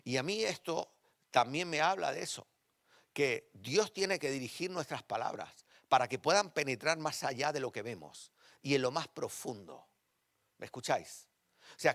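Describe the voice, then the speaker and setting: Preaching man shifting loud and hushed. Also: mid-range voice, dry recording, studio quality. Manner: animated, shifting between loud emphasis and quiet intimate tones. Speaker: pastor. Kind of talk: sermon with personal stories. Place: church.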